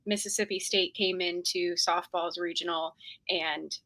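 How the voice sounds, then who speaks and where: A woman's voice: fairly low pitch, steady tone, a little slow, a bit bright, no room sound. A young woman hosting a casual sports podcast interview, chatty and upbeat with frequent fillers. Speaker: podcast host.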